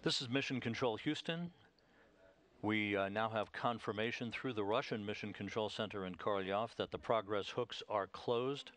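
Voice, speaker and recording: An American man giving live technical commentary as a mission control announcer, measured, formal and methodical. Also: on the low side, a bit bright.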